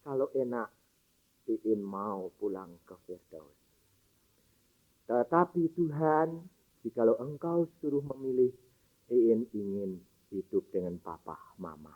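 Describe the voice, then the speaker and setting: A gentle dying child, as a preacher puts it on. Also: male voice, medium pitch, animated, slow, long pauses, phone-quality sound, pitched below the performer's own voice. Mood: hushed. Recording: band-limited radio broadcast.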